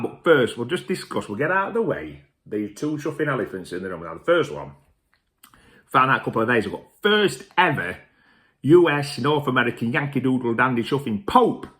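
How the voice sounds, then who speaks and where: A man's voice: a little high, fairly bright tone. A man hosting a show in a boisterous, sweary, rambling comic rant to camera. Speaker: host.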